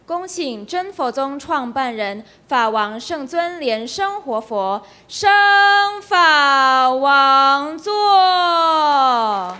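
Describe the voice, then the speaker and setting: Slow-paced woman leading temple ritual. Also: high-pitched, animated, bright, forceful tone. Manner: slow, measured liturgical announcing. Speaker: ceremony emcee. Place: temple hall.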